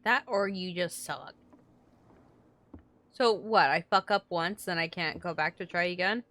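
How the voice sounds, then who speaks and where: A woman's voice: on the low side, unhurried, a bit bright. A young woman casually commenting as she plays a game, chatty, joking and swearing freely. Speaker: gaming streamer.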